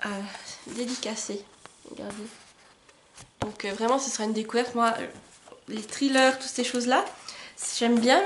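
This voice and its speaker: With a voice on the high side, a young woman enthusiastically shows off her book gifts in a chatty home vlog, stopping often on "euh" and laughing a bit. A camcorder microphone captures her, along with slight background noise.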